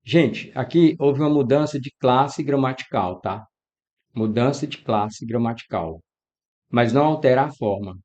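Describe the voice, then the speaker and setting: In an unhurried, mid-range voice with the highs cut off, a Brazilian Portuguese teacher leads an exam-prep grammar lesson. He's lively, speaks straight to his students, and acts out their questions.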